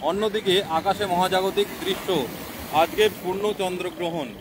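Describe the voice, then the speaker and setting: High-pitched male reporter, live commentary, repetitive and halting, noisy windy beach, wind on mic. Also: fairly even intonation. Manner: repetitive explanatory delivery with hesitant pauses. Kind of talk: live news commentary to online viewers. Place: outdoors on a sea beach. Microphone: mobile phone. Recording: noisy outdoor live stream, roaring sea wind. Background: roaring waves and wind.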